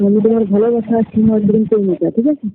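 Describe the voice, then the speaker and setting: A man's voice: high voice, little pitch movement, quick pace, faint music behind, natural voice. A man voicing a jealous young college girlfriend who curtly accuses her boyfriend over a tinny phone line. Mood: suspicious. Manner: sharp, accusing, curt. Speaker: girlfriend in staged phone call. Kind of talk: staged phone-call drama.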